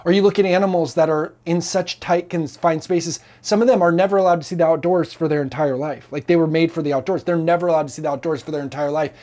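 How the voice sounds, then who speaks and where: A man's voice: on the high side, fairly even intonation, fast talker, few pauses, a little mellow. Earnest man preaching to camera. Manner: earnest, emphatic, gesturing widely. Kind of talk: impassioned teaching to camera. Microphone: lapel mic.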